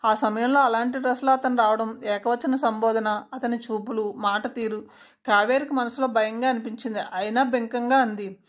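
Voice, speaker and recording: A woman narrating a written story aloud, in a steady, expressive reading. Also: fairly high pitch, normal speed.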